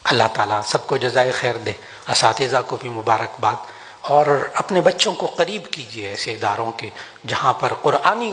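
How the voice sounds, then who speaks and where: An older man giving a sermon to an audience, animated and emphatic, slowing down for prayers. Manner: animated, rises in pitch for emphasis, slows for Quranic prayers. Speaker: religious scholar giving a talk. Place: large hall with an audience. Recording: long hall reverb, faint background noise.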